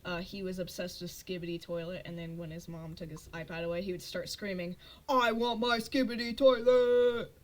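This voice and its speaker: Lowish-voiced teen girl hosting a chat. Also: little pitch movement, fairly quick, few pauses. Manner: chatty, lots of fillers. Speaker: host. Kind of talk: casual podcast chat.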